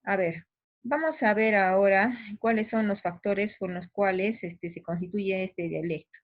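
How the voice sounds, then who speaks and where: A woman's voice: mid-range voice, a little slow. A woman teacher with a provincial Peruvian accent explains the material patiently and speaks directly to her students. She often restarts her sentences as she works toward each point. Her voice sits in an ordinary mid range and comes through thin and tinny, like a phone line. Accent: Peruvian provincial Spanish. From Peru. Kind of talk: recorded class explanation.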